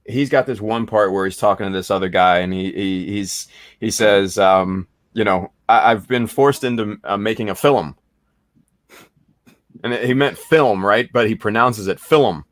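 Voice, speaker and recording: A man's voice: fairly low pitch, steady tone, measured pace, fairly bright tone, dry recording. A man co-hosting a casual hobby podcast, chatting enthusiastically and rambling with many fillers. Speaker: podcast co-host. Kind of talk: casual chat.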